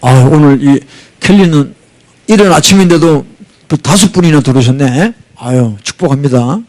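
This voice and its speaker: A man's voice: on the high side, normal speed, a little mellow. A middle-aged male pastor preaching a sermon to a live online group, impassioned and at times crying out in prayer.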